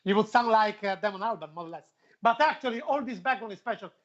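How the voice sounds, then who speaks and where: A man's voice: high voice, fast. Playful man with a foreign accent, muffled audio. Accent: foreign, non-native English. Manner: playful, emphatic repetition. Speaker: football show presenter. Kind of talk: casual chat.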